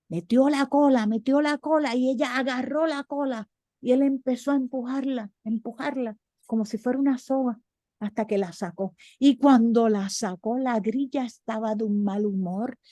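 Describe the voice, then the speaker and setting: Puerto rican lady telling a folk tale, bit high voice, lively, dry close sound. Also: a little slow, dry recording. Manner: animated, rhythmic repetitions. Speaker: storyteller. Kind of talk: oral folk storytelling.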